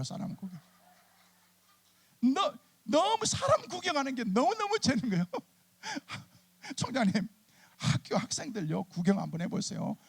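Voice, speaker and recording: High-voiced, gravelly storytelling male pastor. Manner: chatty and animated, acting out church members' lines. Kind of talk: humorous storytelling sermon. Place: church sanctuary at a summer revival meeting.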